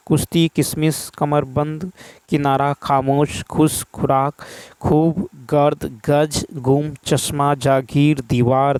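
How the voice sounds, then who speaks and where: Gravelly-voiced male teacher, dry sound. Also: medium pitch, no echo. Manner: steady, explanatory, reads a question then gives the answer. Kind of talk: exam paper discussion lesson.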